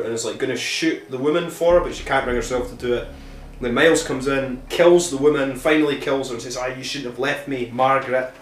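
A man hosting a film review podcast, rambling and swearing in a jokey, casual way. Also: mid-range voice. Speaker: podcast host reviewing films. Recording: echoey room with faint hiss.

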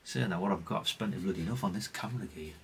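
A middle-aged British hobbyist repairer presents a radio repair demo, talking fast in a low voice with vocal fry over a faint hiss or hum. It's casual and unscripted, a hands-on ramble that's self-deprecating and a bit sweary.

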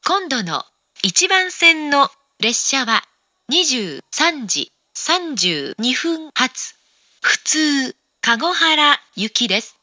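A woman making formal, scripted train station announcements in a measured, carefully enunciated way. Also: sits high, big pitch swings, sharp tone, no echo.

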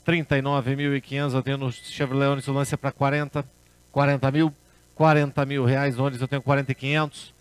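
A man's voice: mid-range voice, little pitch movement, fairly quick, clean tone. A man working as an auctioneer, calling bids at a car auction in a repetitive chant.

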